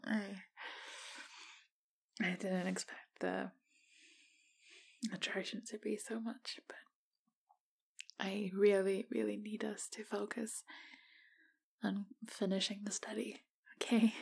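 Husky whispering woman, slow and soft. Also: mid-range voice, little pitch movement. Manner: flirtatious, gentle. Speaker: roleplay researcher. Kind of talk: ASMR roleplay.

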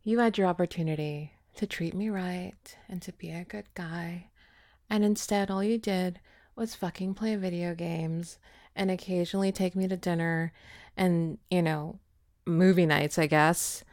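A woman voicing a scornful young ex-girlfriend in an audio roleplay, with a mocking manner that often drops to a low whisper. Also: fairly even intonation, a little slow, a little mellow, dry recording, clean studio sound, natural voice.

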